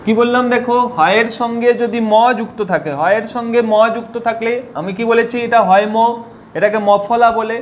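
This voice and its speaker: Against slight background noise, a man with an extremely high pitch teaches spelling and pronunciation at a brisk pace. Each point gets repeated, and he raises questions that he then answers himself.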